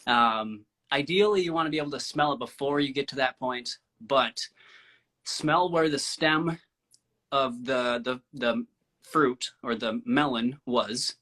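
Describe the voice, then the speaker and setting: An easygoing man with a bright, forceful voice. He explains things calmly and hesitantly, filling the pauses with small words. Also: medium pitch. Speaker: co-host. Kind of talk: casual chat.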